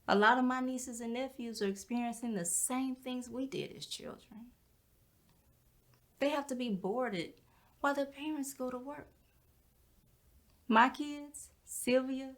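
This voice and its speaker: Actress playing a proud middle-aged house cleaner. Higher voice, slow and unhurried, with folksy dignity. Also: female voice. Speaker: actor performing a stage monologue. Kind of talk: theatrical monologue.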